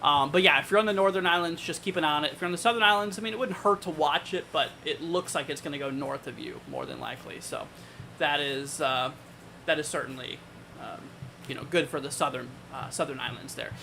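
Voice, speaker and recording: Bright, higher-voiced man giving casual weather commentary. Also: brisk, vocal fry, a little hiss or hum. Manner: informal, conversational, thinking aloud. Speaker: weather livestream host.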